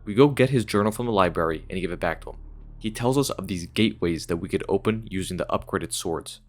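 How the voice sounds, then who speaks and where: Deep-voiced man narrating a game retrospective. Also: fast talker. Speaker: gaming video host.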